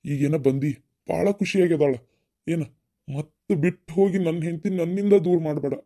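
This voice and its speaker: A stern older village father, voiced by a man in a cartoon story, with a North Karnataka accent. His voice is a touch high for a man, and he talks in a reproachful, scolding way. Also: moderate pace, mellow. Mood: pleading. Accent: North Karnataka Kannada.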